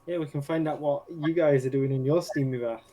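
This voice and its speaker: A man in easygoing, low-key casual chat with friends over an online voice call. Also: steady tone, brisk, mellow. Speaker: tabletop game player.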